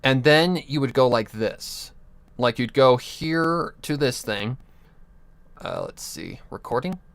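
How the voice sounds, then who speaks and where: Slow and creaky, a young streamer's medium-pitched voice swings widely in pitch, with a fairly bright, smooth tone on a dry recording. At his home computer desk he gives rambling livestream advice into a USB desk mic, full of restarts, chuckles and casual swearing.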